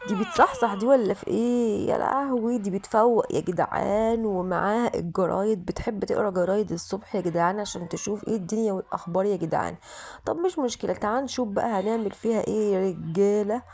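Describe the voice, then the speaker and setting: A woman with an Egyptian Arabic accent doing excitable let's-play game commentary, constantly calling out to her viewers. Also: mid-range voice, quick pace. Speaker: gaming channel host.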